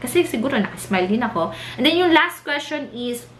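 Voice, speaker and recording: A woman's voice: sits high, animated, fairly quick, reverberant. A young woman with a Filipino accent tells a story in a casual vlog. She mixes Tagalog and English and laughs often as she talks. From Philippines. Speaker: vlogger.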